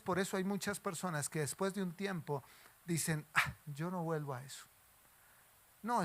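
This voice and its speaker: A man with a Colombian Spanish accent, a pastor preaching a sermon in an animated way and acting out pleading prayers. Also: high-pitched.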